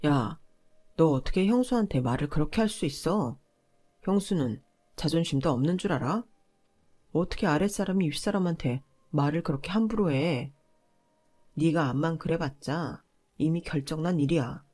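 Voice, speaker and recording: A woman voicing an arrogant young husband, speaking lower and with contempt, lecturing his wife. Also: moderate pace, darkish tone. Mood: contemptuous.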